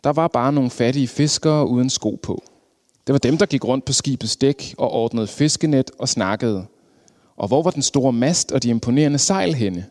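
A man reading a storybook in an expressive way, easing down and slowing for the dramatic beats. His voice sits at a middling pitch. A long hall reverb hangs on every phrase. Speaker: narrator.

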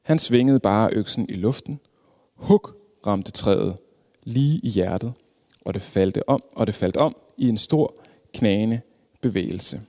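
Man narrating a storybook in a hall. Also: lowish voice. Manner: expressive, slowing for drama. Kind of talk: storybook reading. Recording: long hall reverb.

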